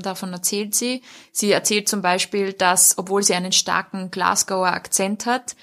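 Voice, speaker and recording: A woman's voice: mid-range voice, fairly bright tone. A woman discussing a book in a conversational review, fluent and explanatory, with occasional fillers.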